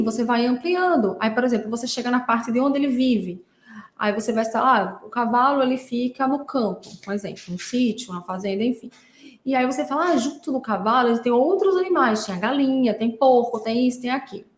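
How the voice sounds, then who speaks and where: A woman's voice: fairly high pitch, roomy sound. A woman from Brazil, a therapist hosting a podcast, talking casually and telling stories with many fillers. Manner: chatty, storytelling, many fillers like "né". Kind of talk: casual monologue.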